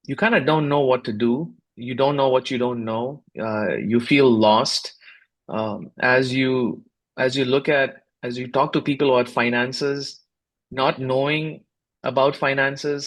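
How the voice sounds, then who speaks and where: A man in his fifties who grew up in India, a founder answering podcast questions in a reflective, measured way with frequent fillers and restarts. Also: medium pitch, fairly bright tone. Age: 50s. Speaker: guest, startup founder. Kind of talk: casual podcast interview.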